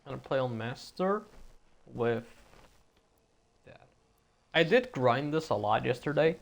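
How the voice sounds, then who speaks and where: A man's voice: mid-range voice, expressive, a little slow, creaky. A man streaming a video game, talking casually and rambling with frequent stutters while feeling a little sick. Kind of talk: casual gameplay commentary.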